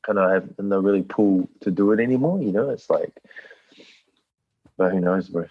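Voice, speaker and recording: Male musician guest, Kiwi accent, low husky voice, easygoing slangy chat, slightly lo-fi sound. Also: moderate pace, dry recording. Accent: New Zealand. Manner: laid-back, slangy, matey. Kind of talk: casual chat. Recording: dull lo-fi call audio.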